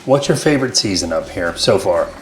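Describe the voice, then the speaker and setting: A man's voice: deep voice, expressive, fairly quick. A man co-hosting a show, chatting casually and enthusiastically as he tastes hot sauces. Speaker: co-host of a local food and small business show. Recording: roomy echo with music.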